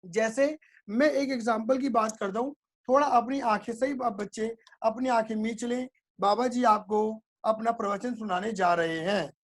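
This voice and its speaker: A male teacher telling a playful story to explain a lesson, making sound effects and often asking whether it is clear. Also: high-pitched, fairly even intonation, moderate pace. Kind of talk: storytelling classroom lecture.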